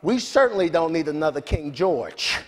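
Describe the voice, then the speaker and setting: A man preaching a sermon as pastor, building passionately from measured lines to shouted calls. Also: a little high, sing-song, slight background noise. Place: large church sanctuary with congregation. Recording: reverberant church hall, faint congregation.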